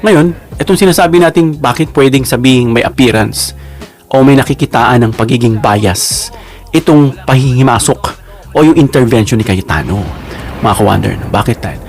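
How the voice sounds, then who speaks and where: Against soft background music, a man with a medium-pitched, darkish voice gives chatty political commentary for his vlog. He often turns to viewers with "no?" and leans slowly and emphatically on key words.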